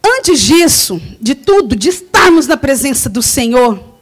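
A high-voiced Brazilian woman preaches to a congregation and shares a personal testimony. She tells her story in an animated way, acting out the dialogue and often breaking into laughter. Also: unhurried. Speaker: lay preacher.

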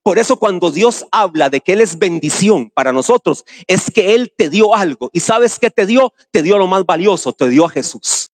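A male pastor delivers a sermon in a high voice. He preaches with emphasis, slowing down to stress key phrases and then rushing through others. He often puts questions straight to the congregation. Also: expressive. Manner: swings between slow stressed phrases and quick runs.

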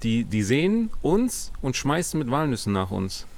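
A man's voice: mid-range voice, normal speed. A young man in casual conversation, telling a story and quoting his parents' lines back and forth. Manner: animated anecdote, quotes his parents in dialogue. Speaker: podcast co-host.

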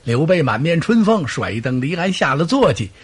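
Male storyteller, husky, highly animated, dramatic delivery. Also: moderate pace. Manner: animated, dramatic, vivid sound effects. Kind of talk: traditional storytelling performance.

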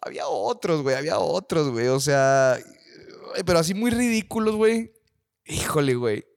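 A man's voice: on the high side, big pitch swings, normal speed, vocal fry, smooth. A man with a Mexican accent co-hosting a casual podcast, talking in crude slang and saying "güey" constantly. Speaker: podcast co-host. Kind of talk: casual chat.

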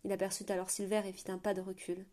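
Audiobook narrator, woman, mellow and dark in tone, steady fantasy storytelling with occasional restarts. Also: mid-range voice, fast. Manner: steady, with small slips and restarts.

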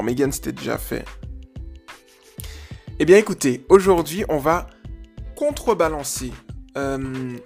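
A man hosting a casual solo dog-training podcast, rambling, joking and correcting himself as he goes. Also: a little high. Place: indoors, alone by a wall.

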